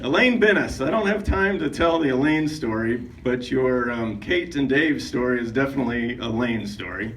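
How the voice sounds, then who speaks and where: A man's voice: mid-range voice, animated, moderate pace, hardly any pauses, a bit bright, far from the mic, a little hiss or hum. A man giving a humorous roast speech at a retirement party, a joking storyteller who builds each story up to a punchline.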